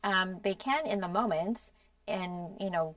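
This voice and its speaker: A middle-aged American woman with a mid-range, fairly bright voice explains a grief program unhurriedly, earnestly and a bit hesitantly as a co-host in a conversational podcast. Recorded in a small studio on a boom-arm podcast mic, the sound is dry but distant from the mic.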